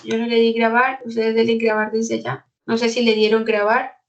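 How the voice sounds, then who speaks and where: A woman's voice: fairly high pitch, completely flat delivery, moderate pace, recorded from a distance, lo-fi sound, a little hiss or hum. A woman internist teaching medical students in an online lecture, acting out bits of doctor and patient dialogue.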